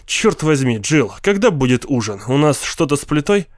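A man's voice: a little high, big pitch swings, normal speed, dry recording. A man reading a story aloud, voicing a cold, irritable husband and scientist who snaps curt orders at his family. The room is dry. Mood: irritated.

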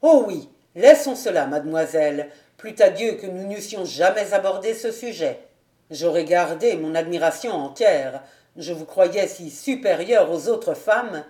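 A woman reading a novel aloud, voicing a proud young male captain in a lower, louder voice with a bitter, sarcastic edge. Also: animated, measured pace, hardly any pauses. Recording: roomy home recording.

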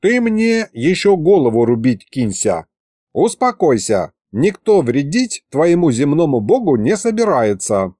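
A man voicing a calm, crafty old grandfather who drawls in folksy speech. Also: fairly high pitch, a little slow, dry recording, studio quality.

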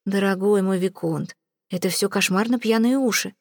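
A jovial, haggling war journalist, as a woman reads him in an audiobook. His talk is breezy and bargaining at a middling pitch, and the recording is dry and close. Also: moderate pace, darkish tone, dry recording, close to an everyday voice. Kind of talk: audiobook character reading.

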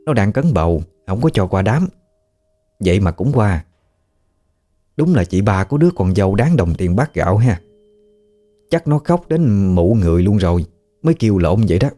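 Narrator as a gossipy aunt, sure of herself, deep mellow delivery. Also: male voice, sing-song, moderate pace, pauses often. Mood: assured. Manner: assured gossiping. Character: confident gossiping middle-aged woman.

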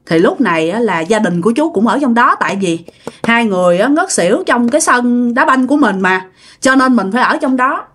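A woman's voice: fairly high pitch, lively intonation, a little fast, a bit bright, a little hiss or hum. A woman telling a ghost story in a chatty way, often speaking directly to her listeners. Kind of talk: casual ghost story narration.

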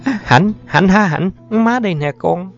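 A man voicing an anxious, tender mother who speaks softly and pleadingly. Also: medium pitch, sing-song, creaky, pitched above the performer's own voice. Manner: soft, pleading, quick to soothe. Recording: muffled audio with faint music.

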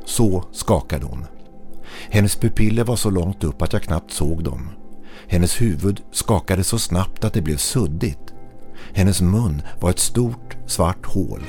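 Deep-voiced man narrating a horror story. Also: a little mellow.

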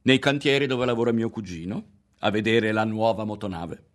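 A man voicing an impulsive, excitable boy who talks in urgent exclamations. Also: lowish voice, moderate pace, lightly acted. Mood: offhand.

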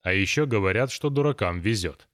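A man's voice: lowish voice, lively intonation, a little fast, a bit bright, no echo, studio quality. A man voicing a bossy, know-it-all grown man who lectures his friends and scolds a child. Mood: weary. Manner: thoughtful, lecturing, then scolding.

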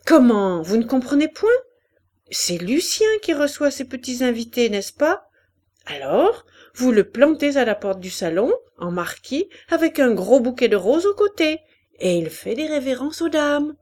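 A woman's voice: sits high, very animated, measured pace, a little mellow, voice pushed up, heavily acted. A woman voicing a self-assured man of fashion in an audiobook, triumphant and insistent.

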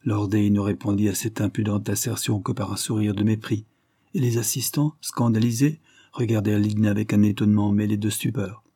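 A man narrating a novel in a steady, even audiobook reading. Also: fairly low pitch, a little fast, no echo, studio quality. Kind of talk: scripted narration.

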